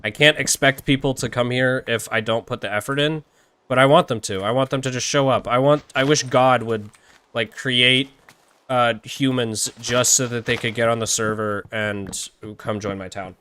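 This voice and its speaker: A man's voice: medium pitch, steady tone, moderate pace, bright, forceful tone, slight background noise. Chatty man live streaming a game. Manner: rambling and chatty, talking to viewers; laughs and trips over words often. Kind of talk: live-streamed gameplay chat.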